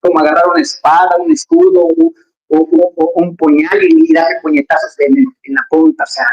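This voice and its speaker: A preacher giving a lively sermon, full of conversational asides, jokes and rhetorical questions to the congregation. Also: high-pitched, moderate pace, vocal fry, lo-fi sound, faint music behind.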